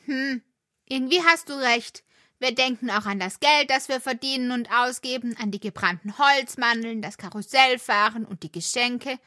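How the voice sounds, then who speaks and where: A woman's voice: fairly high pitch, normal speed, no echo, clean studio sound. A woman voicing a chatty, curious worm kid. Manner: lively, talkative and curious. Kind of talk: children's audio drama.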